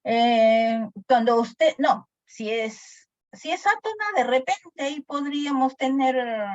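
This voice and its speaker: Woman teacher, slow talker, keeps quizzing the class, slightly husky, dry muffled audio. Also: on the high side, dry recording. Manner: animated, asks the class questions often. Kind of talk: classroom lecture with questions to students. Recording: dry, dull lo-fi sound.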